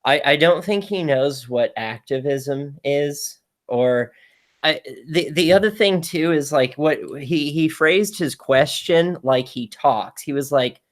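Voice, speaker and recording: A man's voice: a little high, takes it slowly. Exasperated man venting on a live stream. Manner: exasperated, heavy on "like" fillers. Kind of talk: casual chat on a live stream.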